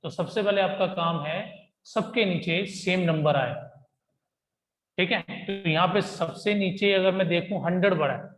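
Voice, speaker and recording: A young man teaching a math lesson in a chatty way, often checking in with his students. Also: high-pitched. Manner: chatty, repeats "ठीक है जी" and "भाई". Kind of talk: classroom-style math lesson. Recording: echoey room.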